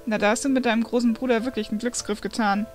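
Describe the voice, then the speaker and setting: A woman reading aloud voices a secretive, condescending male angel who mocks and doubts in a raised, lively voice. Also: on the high side, racing, music in the background, natural voice. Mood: mocking. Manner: mocking, incredulous.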